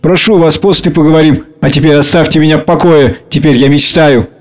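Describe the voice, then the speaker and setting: A man's voice: on the high side, steady tone, fairly quick, lightly acted. A man reading aloud, voicing a coy, affected young maid. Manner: dreamy, affected.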